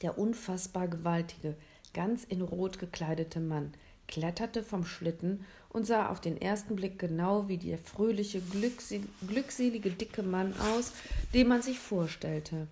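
A woman reads a children's story aloud with expressive, dramatic phrasing. Her voice sits in a middle pitch. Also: a little slow. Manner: expressive, dramatic reading with asides.

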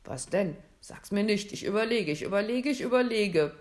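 A woman voicing a jolly, excitable, giant Santa Claus in a read-aloud storybook, loud and playful. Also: mid-range voice, normal speed, lightly acted.

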